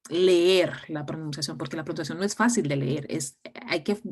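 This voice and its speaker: A woman with a low, deep voice teaches an online class. She explains things step by step and often pauses on fillers and restarts her phrases. Her tone is patient and practical. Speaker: English teacher.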